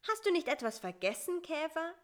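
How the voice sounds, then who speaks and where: A woman voicing a bossy, sharp-tongued little male fly in a read-aloud children's story, talking in a quick, shrill, scolding way. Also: big pitch swings. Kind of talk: storybook reading.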